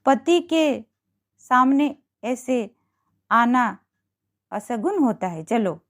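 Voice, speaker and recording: A woman's voice: a little high, animated, extremely slow, heavily acted. A woman voicing a kindly middle-aged mother who speaks in a soothing, motherly way in a told story. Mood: gentle consoling.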